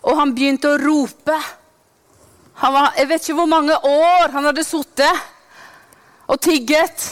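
A woman preaching a sermon with passion, dropping to hushed whispers and then rising to loud proclaiming. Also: high-pitched, steady tone, long pauses.

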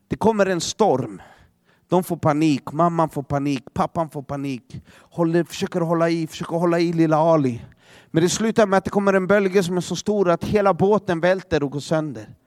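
Male preacher, high voice, dry close sound, dramatic storyteller who goes quiet for emphasis. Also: no echo. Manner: dramatic, drops to a hush for emphasis; repeats words as he restarts. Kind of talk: sermon storytelling.

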